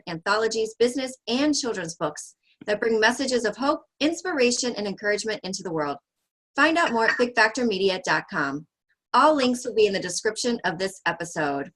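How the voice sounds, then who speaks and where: A woman's voice: on the high side, a bit bright, low-quality recording. Woman host for an interview podcast; polished, upbeat delivery. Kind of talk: scripted podcast intro and interview.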